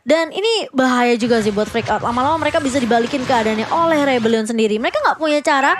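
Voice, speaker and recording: A woman's voice: high-pitched, quick pace. A woman with an Indonesian accent doing live esports play-by-play like a fighting game announcer. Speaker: esports shoutcaster. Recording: noisy live esports broadcast.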